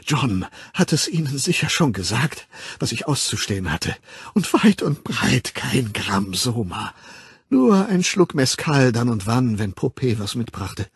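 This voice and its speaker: A man reading an audiobook voices a distraught, tearful middle-aged woman who pleads, whines and breaks into husky whispers. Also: mid-range voice, sing-song, unhurried, no echo, studio quality, heavily acted. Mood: pleading, tearful.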